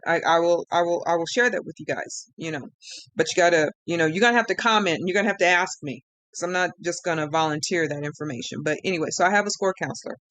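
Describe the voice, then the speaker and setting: A woman's voice: mid-range voice, no room sound. A woman ranting on a live stream, frustrated and close to tears, rambling with many restarts. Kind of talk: emotional live-stream rant.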